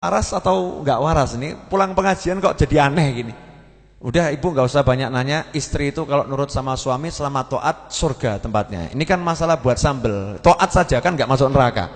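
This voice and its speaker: A man's voice: mid-range voice, brisk, long reverb tail. A man with a Javanese accent preaching a humorous sermon, telling stories and mixing in Javanese words. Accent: Javanese-accented Indonesian. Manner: joking storyteller, slips into Javanese words.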